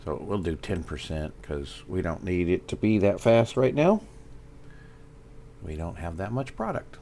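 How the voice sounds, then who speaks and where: A man with a Southern US accent giving casual gameplay commentary, thinking aloud with fillers and pauses. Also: sits low, vocal fry, warm tone, a little hiss or hum. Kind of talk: casual let's-play commentary.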